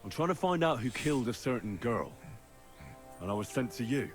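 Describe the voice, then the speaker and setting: An actor playing a determined young man investigating a murder in a video game, earnest and steady. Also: medium pitch, brisk, faint music behind, natural voice. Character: determined young male medieval hero.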